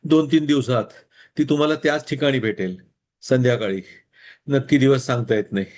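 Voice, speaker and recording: A man voicing a young maidservant who carries a message, speaking slowly and carefully. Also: mid-range voice, a little mellow, close to an everyday voice. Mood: urgent. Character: young maidservant woman, hurried messenger.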